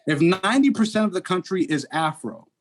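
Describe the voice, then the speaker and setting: A man's voice: sits high, expressive, brisk, slight background noise. A Dominican American man in a casual podcast discussion, explaining his views earnestly with statistics and many restarts. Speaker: podcast co-host.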